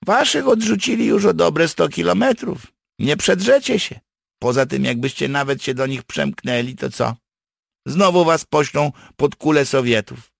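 A gruff, earthy country sorcerer with a cynical streak, pitched well above the reader's own low voice, as a male narrator puts him on. Gravelly and husky, with a dry, close sound and a lively, swinging delivery. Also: normal speed, dry recording, exaggerated voice. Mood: gruff scheming. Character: cynical rustic man with hidden powers. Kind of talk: audiobook character voice.

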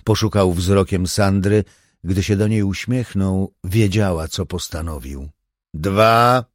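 A man reading a thriller audiobook in a measured, even storytelling manner. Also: deep voice, no room sound, clean studio sound. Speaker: audiobook narrator. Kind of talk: scripted thriller narration.

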